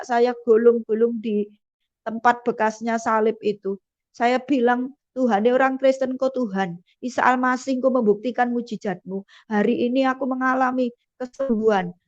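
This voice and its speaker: A woman's voice: fairly high pitch, lo-fi sound. A woman giving a personal testimony, telling her story vividly and acting out sounds. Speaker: testimony giver.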